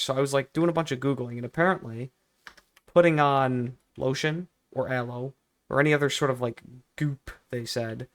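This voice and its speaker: Young guy doing a casual vlog story, rambles a lot, repeats stuff, super emphatic complaining, average pitched voice. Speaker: video creator.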